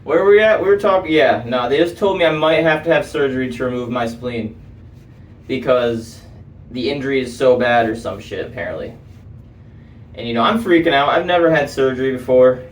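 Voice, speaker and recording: Recorded from a distance in an echoey indoor room, a young vlogger with a medium-pitched voice talks a little fast while doing manual work. He tells a casual story full of swearing and fillers, his voice off-mic.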